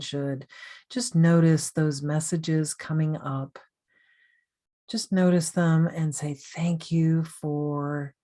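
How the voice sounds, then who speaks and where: A woman coach leading a guided meditation in a slow, soothing, gently inviting way. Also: low-pitched.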